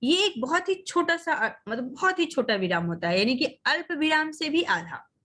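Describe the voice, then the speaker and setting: A woman teacher giving an online lesson, reading example sentences slowly and calling the children "beta". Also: high voice, expressive, bright, forceful tone. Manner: coaxing, addresses children as beta. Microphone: video call.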